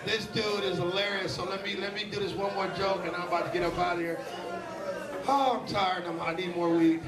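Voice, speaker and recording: A man doing a loud, crude stand-up set in a comedy club, riffing with the crowd. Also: sits high, fairly even intonation, a little fast, far from the mic, heavy background noise. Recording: roomy live club sound, mic off-axis. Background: loud crowd laughter.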